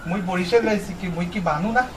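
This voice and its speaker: A man's voice: high voice, fairly quick, background noise, natural voice. A man with a Barishal accent playing a boastful husband in a comedy skit, blustering and pleading by turns. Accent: Barishal Bengali. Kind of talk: comedy short film acting.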